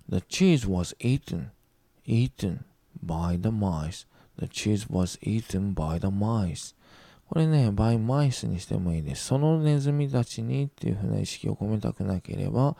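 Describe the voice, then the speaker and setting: A man teaching a grammar lesson in a deeply gravelly, dark voice. He reads example sentences slowly and patiently, repeating them with gentle reassurance. The sound is dry and close. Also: dry recording. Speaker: English teacher.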